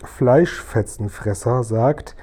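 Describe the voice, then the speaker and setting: A big friendly giant out of a storybook, slow and grumbling, muddling his words in a soft, mellow voice, as a man reading aloud puts him on. He talks plainly and a little gloomily. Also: mid-range voice. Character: gentle mumbling male giant, mixes up words.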